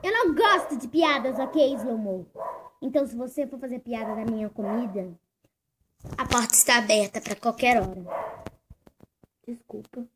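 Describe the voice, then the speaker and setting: A young girl hosting her own video and acting out a doll story, switching between squealing character voices and hushed whispered asides. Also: on the high side, moderate pace, pauses often, background noise. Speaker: YouTube host and doll-play storyteller. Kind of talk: doll role-play acting out all the characters.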